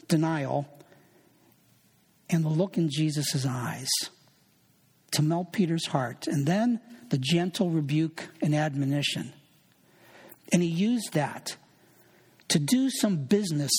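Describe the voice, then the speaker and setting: Male pastor, earnest sermon delivery, slightly high voice, long reverb tail. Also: a little mellow, husky. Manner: earnest preaching, reads scripture aloud with quoted voices.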